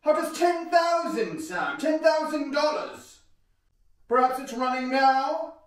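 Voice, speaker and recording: Brief: man doing a pompous rich caller on speakerphone, very high and posh, distant and echoey. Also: lively intonation, takes it slowly, full character voice. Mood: haughty. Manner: haughty, brusque, posh. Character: pompous wealthy older yacht-club man.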